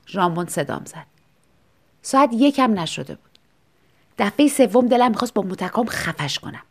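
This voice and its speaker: A woman narrating a scripted story in an expressive, lively way. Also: mid-range voice.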